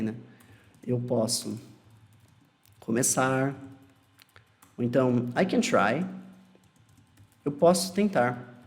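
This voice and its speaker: A man's voice: medium pitch, darkish tone. A Brazilian man giving a casual English lesson, explaining phrases patiently and repeating them. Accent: Brazilian Portuguese. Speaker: English teacher.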